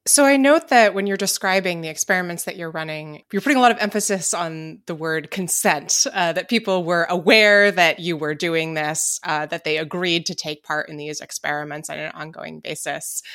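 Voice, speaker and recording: A woman hosting an interview, asking questions deliberately. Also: fairly low pitch, fairly bright tone. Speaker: podcast host.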